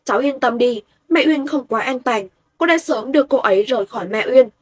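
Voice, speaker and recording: A woman reading a gentle caring aunt. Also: fairly high pitch, a little fast, slightly rough.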